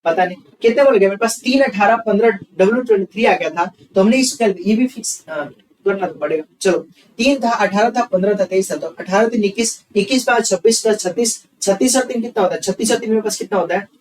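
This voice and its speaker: A man teaches a reasoning class. His voice sits high, and he talks fast as he counts through the sums aloud, asking his students questions and answering them himself. He sounds a little distant from the microphone. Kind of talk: online exam-prep class.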